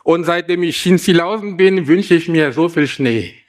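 A man preaching a Christmas sermon, reading a fable aloud and asking the listeners gentle questions. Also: on the high side, moderate pace. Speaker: pastor.

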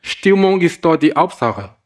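A man voicing a hooting owl who wants a cosy atmosphere, slow and raised in pitch. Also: very animated.

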